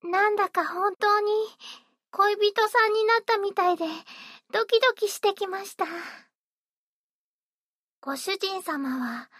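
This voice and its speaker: Woman voicing a very high, bright-voiced maid hostess. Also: a little slow, long pauses, no echo, clean studio sound. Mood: tender. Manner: polite, doting, playful. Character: sweet, eager young female maid-café hostess. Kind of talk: roleplay audio drama.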